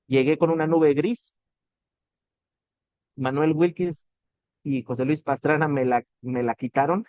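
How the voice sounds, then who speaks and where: A man's voice: on the high side, mellow, no echo, lo-fi sound. Earnest Mexican man giving motivational talk. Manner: earnest, preachy, swears casually, addresses listener directly. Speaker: motivational business speaker.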